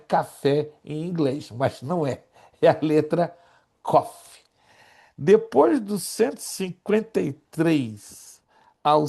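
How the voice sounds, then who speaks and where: A man's voice: fairly high pitch, creaky, darkish tone. A man in his sixties, a pastor teaching a theology class, jovial and teasing, often asking his students questions. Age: 60s. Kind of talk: classroom lecture.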